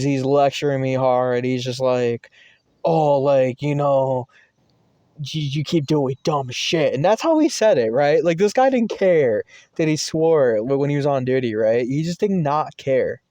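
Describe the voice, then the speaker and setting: A man's voice: medium pitch, lively intonation, moderate pace, mellow, dry recording. A young man casually telling a personal story, rambling with many fillers and swearing freely. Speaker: vlogger.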